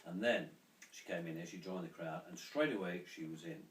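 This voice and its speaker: Man, dinner-table storyteller, animated, bright voice, echoey room, distant mic. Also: deep voice, fairly quick. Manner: animated, laughs through his own story. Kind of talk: anecdote told at a dinner table.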